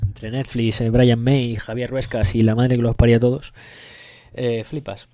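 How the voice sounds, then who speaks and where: This young man hosts a solo podcast with a Spain Spanish accent, rambling, joking crudely and swearing plenty as he loses the thread of his casual rant. His medium-pitched voice is warm, flat in delivery and measured in pace, with no echo.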